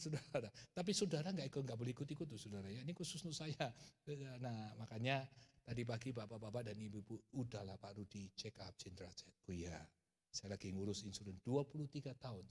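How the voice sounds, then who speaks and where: A middle-aged man preaches a lively sermon with a husky, slightly breathy voice. He tells animated stories in a plain conversational pitch, and the sound carries a long reverb from a church hall. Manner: animated storytelling, shouting in acted quotes.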